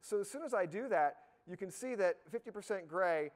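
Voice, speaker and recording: A product expert with a somewhat raised pitch gives a live software demo, sounding slightly hoarse as if losing his voice. He talks briskly, relaxed and upbeat, with lots of fillers and restarts.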